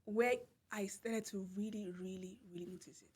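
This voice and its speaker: As a podcast guest in a casual interview, a woman with a Nigerian accent shares a personal story, laughing through it and emphatically repeating phrases. She speaks at a moderate pace in a mid-range voice that is steady, darkish, and edged with breathiness.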